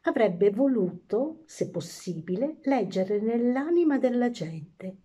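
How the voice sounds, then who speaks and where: Slow, mellow woman reading a fairy tale. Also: a little high, husky. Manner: slow, expressive narration. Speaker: storyteller.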